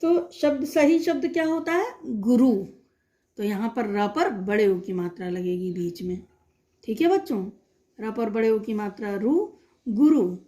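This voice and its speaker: A woman teaching young children, slowly spelling out words sound by sound with patient repetition. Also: mid-range voice, lively intonation, dark tone. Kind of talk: online primary-school lesson.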